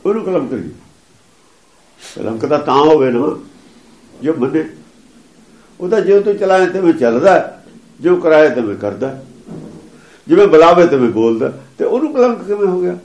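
A man preaches in a high voice, explaining scripture with emphasis. He chants and repeats the lines he quotes. The sound is roomy and echoing. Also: very animated, moderate pace, pauses often, darkish tone. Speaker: religious preacher.

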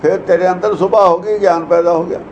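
A man's voice: high voice, fairly even intonation, fast, darkish tone, muffled recording, slight background noise. A man giving a religious discourse that explains verses, lecturing earnestly and asking many rhetorical questions. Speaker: preacher.

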